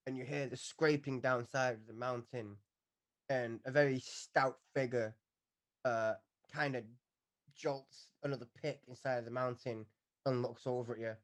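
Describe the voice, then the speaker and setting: A man's voice: medium pitch, a bit bright. A man narrating as dungeon master, giggly and hesitant with lots of fillers. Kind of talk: narrating a tabletop game.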